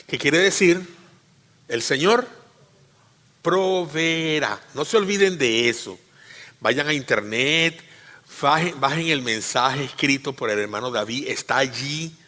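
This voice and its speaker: Bright-voiced man preaching in a reverberant hall. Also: medium pitch. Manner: teaching, repeats phrases, asks the congregation questions; swings between loud emphatic peaks and quiet asides. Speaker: pastor. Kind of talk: sermon.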